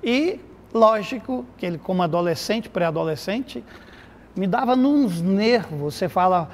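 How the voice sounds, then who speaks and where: Middle-aged pastor guy on a tv show, animated storyteller, highish voice, reverby room w faint hiss. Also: a little slow. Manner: animated anecdote-teller with quoted dialogue. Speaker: pastor and therapist guest. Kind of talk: lively storytelling in a TV interview. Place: TV studio. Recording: reverberant studio with faint noise.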